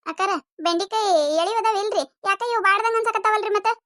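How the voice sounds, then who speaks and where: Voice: very high-pitched, steady tone, fast, sharp tone, dry recording, clean studio sound. A voice actor playing a naive, defensive young village daughter-in-law with a North Karnataka accent in a cartoon comedy. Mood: plaintive.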